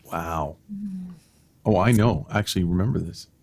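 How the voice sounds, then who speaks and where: A middle-aged man co-hosting a podcast, telling stories in a lively, casual way and laughing at his own tales. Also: low-pitched, moderate pace. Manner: animated storyteller, laughs at own tales, many restarts. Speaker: podcast co-host. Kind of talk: casual storytelling chat.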